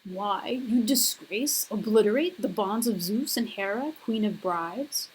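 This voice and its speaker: A woman lecturer putting on a deeper, manly voice for a stern male god, speaking in a slow, measured way. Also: lively intonation, husky, rough recording. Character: stern male god defending his deed.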